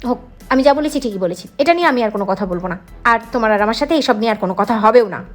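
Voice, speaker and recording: A woman's voice: on the high side, lively intonation, racing, soft background music, pitched below the performer's own voice, natural voice. A woman voicing a stubborn, protective young husband who firmly stands up to his mother in a retold serial. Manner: firm, defiant, teasing at times.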